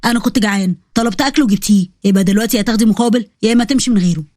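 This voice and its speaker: Eerie calm ageless man with an Egyptian accent, low and menacing, voiced by a woman storyteller. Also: racing, no echo, clean studio sound, lightly acted.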